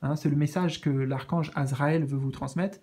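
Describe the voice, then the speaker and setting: A man with a slightly high voice reads spiritual cards in a casual, soothing way. He stumbles and restarts often, filling pauses while he searches for the right words. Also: fairly even intonation. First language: French. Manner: hesitant, searching for words, many fillers; gentle, reassuring. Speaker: tarot card reader. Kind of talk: casual spiritual card reading.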